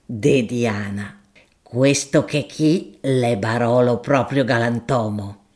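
A woman voicing a hearty, plain-spoken middle-aged male grocer, speaking slowly in a lowered voice with dialect-tinged words. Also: darkish tone. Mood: insistent, jovial.

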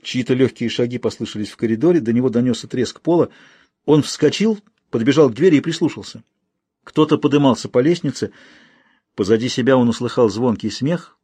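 A man narrating an audiobook in a measured, steady reading. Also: mid-range voice, husky, no echo. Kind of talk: scripted narration.

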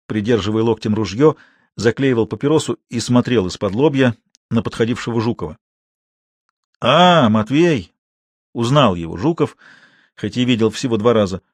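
A man reading a literary story aloud as narrator, measured and expressive. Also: mid-range voice, no echo, clean studio sound.

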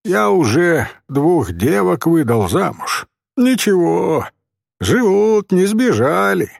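A man's voice: sits high, big pitch swings, slow, gravelly, no room sound, clean studio sound, pitched above the performer's own voice, full character voice. A man reading a story voices a small, self-important boy messenger who talks in a stern, know-it-all way. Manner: pompous, sententious.

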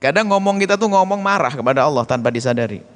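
Lively male preacher with a high voice, speaking before a hall audience, reverberant. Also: fast talker. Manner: lively, acts out quoted speech in raised voice. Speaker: preacher answering questions. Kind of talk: sermon with question and answer.

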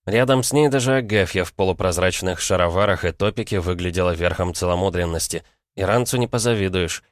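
A man narrating a fantasy audiobook in a steady, even reading. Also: low-pitched, fairly quick, no echo, studio quality. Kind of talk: scripted fiction narration.

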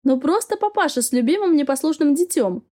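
A merry young woman voiced by a female narrator who talks in a bubbly, teasing way. The voice is high and soft, with a mellow tone. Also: animated, a little fast. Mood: amused. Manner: bubbly, laughing.

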